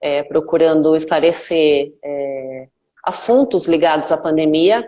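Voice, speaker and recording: Woman, low-voiced deputy police chief, calm and measured, heard down a crackly, dropping call line with muffled sound. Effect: choppy, crackly call line that keeps breaking up. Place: police station office. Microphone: remote video call.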